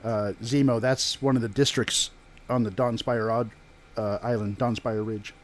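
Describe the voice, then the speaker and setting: A man's voice: medium pitch, steady tone, normal speed. A man narrating a tabletop role-playing game as game master, describing characters' actions.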